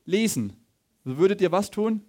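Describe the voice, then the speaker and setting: Energetic male pastor, high, swooping voice, preaches and quizzes his congregation. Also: moderate pace. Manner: lively preaching, asks the congregation questions. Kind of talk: sermon.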